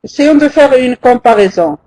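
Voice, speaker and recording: A teacher giving a live online language lesson, patient and hesitant, with frequent pauses. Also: high-pitched, animated, dark tone. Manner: counts syllables aloud, slowly and deliberately. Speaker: French teacher.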